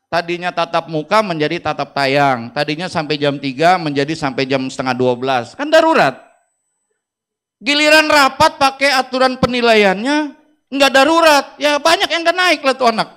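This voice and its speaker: A middle-aged man, a school principal giving a lively, joking workshop talk to teachers in an auditorium. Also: very high voice, normal speed. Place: auditorium with audience.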